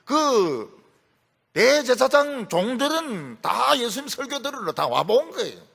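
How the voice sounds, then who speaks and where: A man's voice: extremely high pitch, very animated, measured pace, vocal fry, a bit bright, slightly rough. A middle-aged man preaching a sermon as a pastor, telling stories with humor and acting out quotes. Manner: storytelling with acted quotes and humor, voice rising and dropping sharply.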